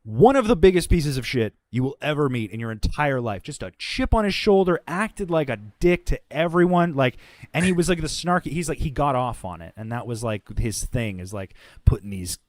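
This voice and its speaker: A man's voice: mid-range voice, dry recording. A man talking as a guest in a casual conversation, telling stories bluntly and with plenty of swearing. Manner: blunt, profane, animated storyteller. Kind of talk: casual conversation, candid storytelling.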